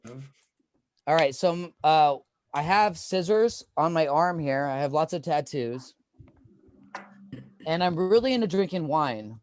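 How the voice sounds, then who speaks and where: A man's voice: on the high side, expressive, a little slow, pauses often, a little hiss or hum. A man in his thirties doing a stand-up comedy set, rambling and self-deprecating with lots of fillers.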